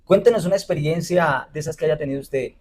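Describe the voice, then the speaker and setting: A man's voice: on the high side, fast, darkish tone. Man interviewer, faint hiss behind. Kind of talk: religious interview questions.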